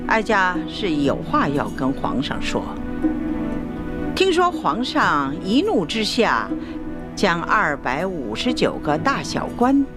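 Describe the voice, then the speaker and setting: Old palace grandma empress, slow n sweetly passive aggressive, swoopy voice, costume drama with loud music under. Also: female voice, lowish voice, huge pitch swings, exaggerated voice. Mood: veiled reproach. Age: older. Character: shrewd elderly grand empress dowager, outwardly doting, veiled. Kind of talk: Chinese imperial costume drama acting.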